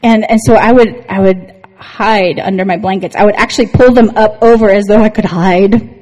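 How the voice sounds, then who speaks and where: A woman's voice: mid-range voice, steady tone, moderate pace, a little mellow, big-room sound, faint music behind, low-quality recording. A woman giving a devotional talk to women, earnest and personal, often asking "right?". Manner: earnest, personal storytelling, frequent "right?" asides. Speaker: women's Bible teacher.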